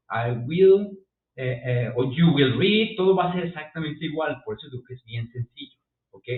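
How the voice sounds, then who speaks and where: Animated male teacher, far and tinny. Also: fairly high pitch. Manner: lively, repeats and checks with "ok?". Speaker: English teacher. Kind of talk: classroom grammar lesson. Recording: roomy, distant, phone-like sound.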